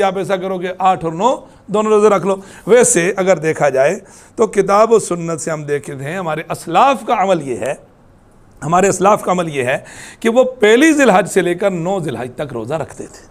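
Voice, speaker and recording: A man leads a religious lesson. He keeps asking the class questions and answers them himself. He chants the scripture verses in a slow, drawn-out way. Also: high voice, expressive. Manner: quizzes the class with repeated questions; chants Quranic verses slowly. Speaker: Quran teacher.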